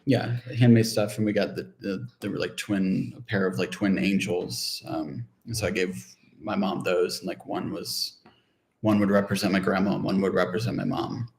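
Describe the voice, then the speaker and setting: Low, gravelly man in his thirties. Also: steady tone, darkish tone. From Ohio. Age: 30s. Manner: halting, many restarts and fillers, reflective. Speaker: vlogger co-host. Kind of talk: casual livestream chat.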